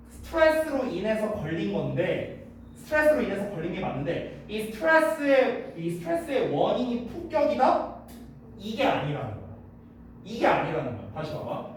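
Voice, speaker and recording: A male English teacher walks high schoolers through a reading passage, repeating the key words and asking whether they follow. His voice sits high and swings widely in pitch. It sounds distant and echoey, with a faint hiss behind it. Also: a little mellow. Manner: explains step by step, repeats key words, asks students rhetorical checks. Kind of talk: online lecture to high school students.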